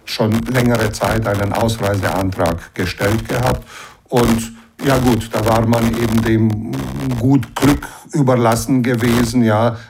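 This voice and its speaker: This is a middle-aged man from western Romania's Banat, a guest answering interview questions in a measured, explanatory manner full of fillers. His mid-range voice is creaky with fairly even intonation, heard over a noisy background.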